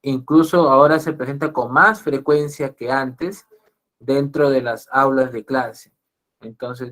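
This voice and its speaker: A Peruvian psychologist giving an online lecture to an audience, often repeating and restarting his phrases. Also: mid-range voice. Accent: Peruvian Spanish. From Peru. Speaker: psychologist giving a webinar talk.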